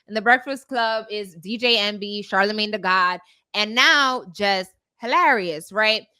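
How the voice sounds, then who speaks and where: A talk show host with a medium-pitched voice, pushed, bright and clean in tone, casually recaps celebrity news at a measured pace. She's conversational and often checks for agreement with "right?"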